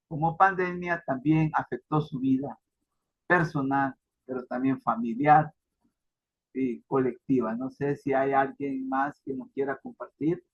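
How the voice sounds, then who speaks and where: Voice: medium pitch, breathy edge. Repetitive class moderator on a lo-fi call. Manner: repetitive, encouraging, many fillers. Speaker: teacher leading an online class. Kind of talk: moderating an online class discussion. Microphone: video call.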